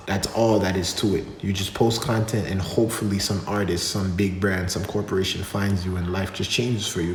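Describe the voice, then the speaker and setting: A man's voice: low-pitched, slight background noise. A man with a Jamaican accent, a dancer and vlogger, talking earnestly and loosely about turning his craft into a business. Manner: earnest, motivational, loose with fillers. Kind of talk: casual reflective vlog talk. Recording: echoey room with long reverb, faint ambience.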